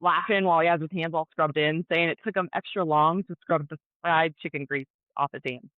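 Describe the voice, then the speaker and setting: A woman's voice: deep voice, a little fast, dry recording. This is a woman from Colorado in her thirties, a nurse and athlete chatting as a guest. She tells her stories animatedly and keeps the words coming. Her voice arrives through a narrow, tinny line with no room sound. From Colorado, USA. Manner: animated, chatty storyteller with many "like" fillers. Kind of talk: casual storytelling interview. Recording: tinny phone-like dry audio.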